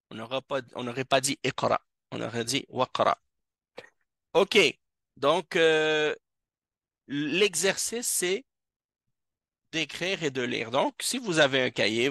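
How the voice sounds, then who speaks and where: A man's voice: medium pitch, pushed and bright, no echo, clean studio sound. A man teaching a classroom language lesson as an Arabic teacher, patiently repeating each word several times, recorded in a mosque classroom.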